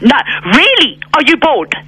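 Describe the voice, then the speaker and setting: A woman's voice: high-pitched, sing-song, a little slow, sharp tone, dry recording. A woman on a radio phone call, arguing indignantly, repeating herself and swearing. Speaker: prank call target.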